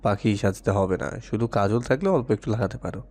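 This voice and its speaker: A man's voice: lowish voice, brisk, a little mellow, soft background music, close to an everyday voice. A man voicing a young husband who is bossy but affectionate, teasing and scolding his wife in an audio love story. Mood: gentle. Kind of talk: audio drama acting.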